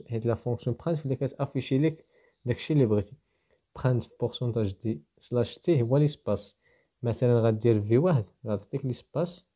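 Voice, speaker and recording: A man's voice: medium pitch, mellow, husky. A man with a Moroccan Arabic accent, teaching a programming lesson and walking through code step by step as he thinks aloud. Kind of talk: explaining programming to students.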